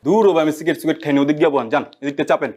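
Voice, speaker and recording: An actor as a very fast, irritated Bangladeshi boyfriend. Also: male voice, fairly high pitch, fairly even intonation, background noise, natural voice. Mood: irritated, puzzled. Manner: protesting, questioning. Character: wary, irritated young boyfriend. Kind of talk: Bangladeshi comedy drama acting.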